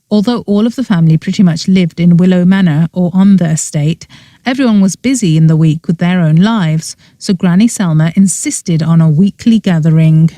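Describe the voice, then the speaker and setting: A woman narrates a cozy mystery audiobook with a mellow, relaxed tone and a slightly low pitch. She tells the story expressively, and the recording is close and dry. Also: no echo.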